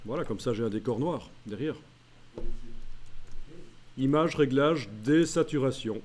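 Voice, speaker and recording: Male software trainer, mellow tone, talks through each menu step with frequent hesitations. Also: medium pitch. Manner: walks through menu steps aloud, many "euh" pauses. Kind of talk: screen-recorded tutorial.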